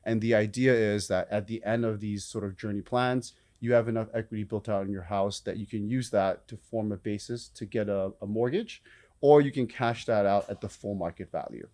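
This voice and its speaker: Young man, startup founder, lowish voice, easygoing talk. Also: fairly quick. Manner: relaxed, many fillers like "you know". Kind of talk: casual interview answers.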